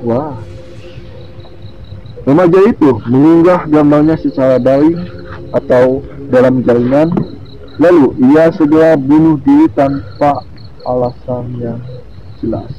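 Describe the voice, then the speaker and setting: A man with a lisp that slurs his r, casually reading horror stories in a halting, informal way with his own asides. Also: medium pitch. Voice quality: lisp, slurred r. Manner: informal, halting reader who comments on the story. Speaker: video host. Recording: muffled lo-fi, clearly noisy with insect-like sounds.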